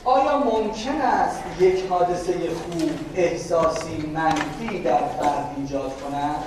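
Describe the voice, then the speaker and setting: A man giving a slow, deliberate classroom lecture, explaining step by step and acting out everyday dialogue. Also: a little high. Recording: echoey room, mic far off, background noise.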